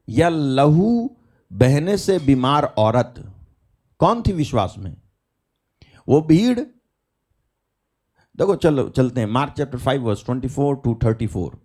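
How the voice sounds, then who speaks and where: A male preacher with a fairly high-pitched voice delivers a live sermon. He talks emphatically, firing off rhetorical questions and breaking in with calls of hallelujah. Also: darkish tone. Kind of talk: live online prayer meeting.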